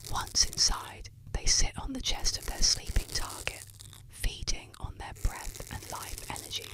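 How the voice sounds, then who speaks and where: A woman narrating a scripted bedtime tale in a hushed, soothing ASMR whisper meant to lull listeners to sleep. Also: poor audio.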